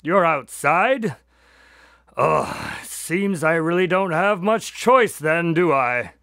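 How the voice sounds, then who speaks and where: A man's voice: a little high, lively intonation, takes it slowly, gravelly, pushed and bright, no room sound, clean studio sound, exaggerated voice. A man playing a long-suffering doctor, a detective's loyal sidekick in a radio drama, grudging and dryly humorous. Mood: grudging, weary. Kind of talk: scripted radio drama acting and narration.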